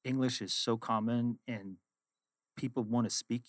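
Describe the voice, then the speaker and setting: A middle-aged Swedish man, Swedish his first language and his accent Swedish, is a finance executive guesting on a casual interview chat, telling reflective stories about his work. His mid-range voice has fairly even intonation and an unhurried pace, captured in a dry, studio-quality recording.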